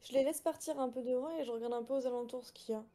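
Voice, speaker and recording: A woman's voice: high voice, fairly even intonation, very fast, dark tone. A woman chatting casually as a player in a tabletop role-playing game. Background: background music.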